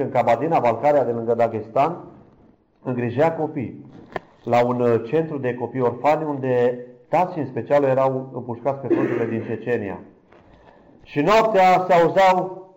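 Fervent preaching man, loud then hushed. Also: medium pitch, rough recording. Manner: swings from loud fervent cries to hushed near-whispers; addresses the congregation directly. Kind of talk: impassioned sermon testimony.

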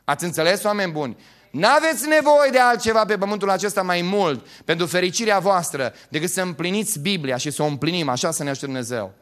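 A man preaching a sermon as pastor. He swings between loud exclamations and quiet, joking asides, and laughs with the congregation. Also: high voice, lively intonation.

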